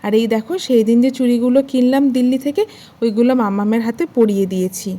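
Young woman, high voice, chatty family-vlog narrator. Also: quick pace, warm tone. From Kolkata, India. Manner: chatty, addresses viewers directly; homely, conversational storytelling. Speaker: family vlogger. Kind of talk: casual vlog voice-over.

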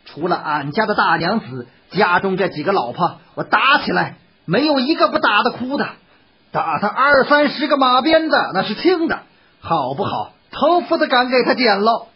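A storyteller voicing a swaggering, harsh rich man with a gruff, blustering manner, in a dull lo-fi recording. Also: medium pitch, lively intonation, normal speed.

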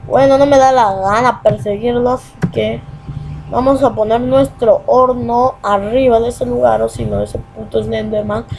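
A young man with a Peruvian accent giving excitable gameplay commentary, muttering repeated words and swearing as he plays. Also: extremely high pitch, moderate pace, creaky, a little hiss or hum, low-quality recording. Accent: Peruvian Spanish. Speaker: gamer.

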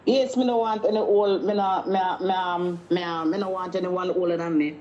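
A woman's voice: fairly low pitch, steady tone, fairly quick, a little mellow. A woman in her fifties with a Jamaican accent, calling in to a live show and chatting in friendly patois. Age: 50s. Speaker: caller. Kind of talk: casual phone-in chat. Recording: dull line with faint noise.

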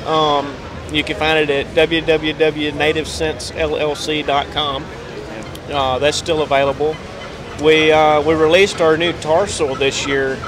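A man's voice: fairly high pitch, little pitch movement, a little slow. A young man who runs a scent company, talking up his products in a casual interview with lots of fillers. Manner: enthusiastic, salesman-like, lots of fillers. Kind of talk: casual interview at a trade show booth. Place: busy trade show hall, indoors. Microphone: handheld mic. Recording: noisy crowded trade show hall. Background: crowd chatter.

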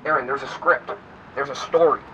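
A man's voice: mid-range voice, fairly even intonation, fairly quick, pushed and bright, close to an everyday voice. An actor playing a bossy, pompous male 1970s porn director who talks down to his crew. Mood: lecturing. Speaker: film director. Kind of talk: mockumentary film acting. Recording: echoey room, distant mic, faint noise.

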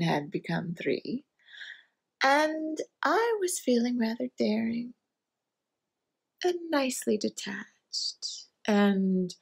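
A sardonic, self-mocking middle-aged drinker, played by an actress in a stage monologue. She talks slowly and deliberately, with long pauses and a husky, gravelly edge to her voice. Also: medium pitch, heavily acted. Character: wry hard-drinking middle-aged woman. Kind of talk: theatrical monologue.

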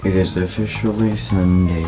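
A young man filming a casual travel vlog, talking in a relaxed, halting way with fillers, holding the camera at arm's length. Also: low voice, music in the background, low-quality recording. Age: young adult. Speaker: vlogger. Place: indoors at home, later outdoors on a street. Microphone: handheld camera at arm's length.

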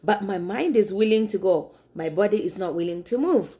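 A woman's voice: medium pitch, expressive, moderate pace, warm tone. A woman in her thirties chatting upbeat to her phone camera in her home kitchen. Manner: upbeat, chatty, addresses viewers as guys. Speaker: vlogger. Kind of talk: casual chat to camera. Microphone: phone camera on a counter. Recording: echoey room.

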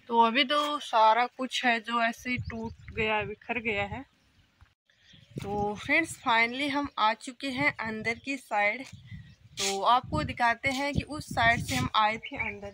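This low-quality clip features a young woman touring an old, vacant brick house indoors and outside, recording herself on a phone at arm's length. She speaks slowly in a slightly high, fairly bright tone. Chatty and friendly toward her viewers, she leans a lot on fillers.

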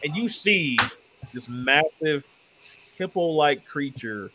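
Bright-voiced man running a tabletop game. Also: a little high, animated, slow, faint music behind, rough recording. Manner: laid-back, loose storytelling. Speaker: dungeon master.

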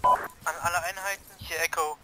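A man calling in over a walkie-talkie radio, reporting a sighting in military radio style with hesitant filler pauses. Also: high voice, wildly swooping pitch, noisy background. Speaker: squad player calling in a sighting. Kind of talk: military radio call in a tactical game.

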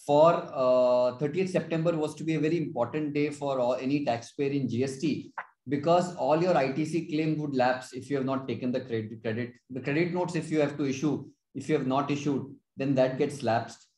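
A man's voice: mid-range voice, fairly quick, a little mellow. Indian-accented man presenting, in an echoey room. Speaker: tax consultant presenting a webinar. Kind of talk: explanatory webinar presentation. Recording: roomy, echoing webinar audio.

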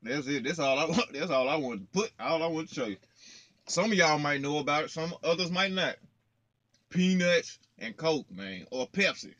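A guy in his twenties with a fairly high, animated voice talks at a moderate pace, his tone fairly bright and free of room sound. He's a trucker vlogging from inside his parked truck's small cab, chatting to viewers in a slangy, playful way right into a phone camera held close.

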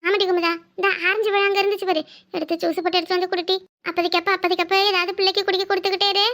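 A woman voicing a fussing, caring older village mother-in-law in a cartoon, speaking with a southern Tamil Nadu accent and giving orders fast. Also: very high voice, little pitch movement, fairly bright tone. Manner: bossy, fast, scolding yet tender. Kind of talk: cartoon voice acting.

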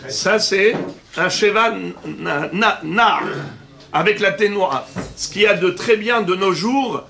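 Bright high-voiced rabbi teaching. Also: male voice. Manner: explanatory, spells out Hebrew terms slowly. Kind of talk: religious lesson.

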